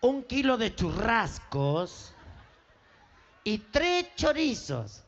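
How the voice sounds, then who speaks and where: A man with an Argentine accent voicing a doting, shrill mother who calls out to her young son. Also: lively intonation, measured pace, a bit bright, muffled recording, full character voice. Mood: fussing. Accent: Argentine Spanish.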